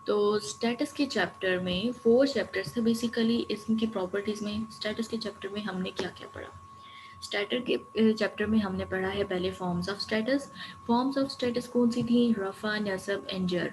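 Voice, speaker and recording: Woman teacher explaining grammar step by step. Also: medium pitch. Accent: Pakistani. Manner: explains step by step, repeats word endings slowly, warns students firmly. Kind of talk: recorded online lecture. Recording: faint noise and hum.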